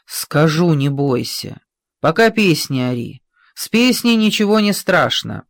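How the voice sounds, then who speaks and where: An audiobook reader voicing a calm, blunt soldier at the controls of an armored train, talking a nervous comrade down. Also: medium pitch, unhurried, creaky, dry recording, studio quality. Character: steady, gruff soldier driving an armored train. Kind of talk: audiobook character reading.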